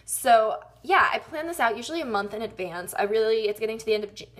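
A young YouTube vlogger from Wisconsin rambles chattily as she walks through her planner, with frequent ums and laughing at herself. Her voice is a little high and a bit bright, she talks fast, and a slight Wisconsin accent slips in at times.

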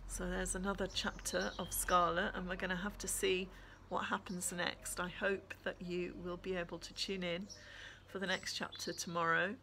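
A woman's voice: lowish voice, level tone, normal speed, sharp tone, slight background noise. Woman reading aloud, chatty sign-off. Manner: chatty, friendly, with fillers. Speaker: author reading her own book. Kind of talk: audiobook reading and casual sign-off.

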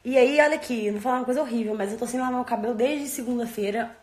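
A woman chatting casually with a friend, blunt, joking and quick to swear. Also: on the high side, darkish tone. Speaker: friend of the vlogger. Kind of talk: casual chat. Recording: echoey room, faint noise.

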